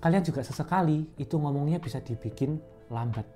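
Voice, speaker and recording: Young woman, casual vlog lesson, conversational, warm low tone. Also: fairly quick, soft background music. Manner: chatty and conversational, explains step by step. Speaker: public speaking coach.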